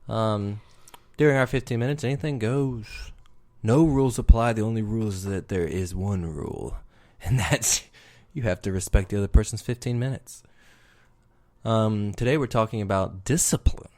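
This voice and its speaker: A man's voice: fairly low pitch, normal speed, darkish tone. A man co-hosting a podcast at home, chatting casually and playfully with his wife into a desk microphone. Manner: joking, playful. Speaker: podcast co-host. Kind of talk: casual chat. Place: home room with lights off.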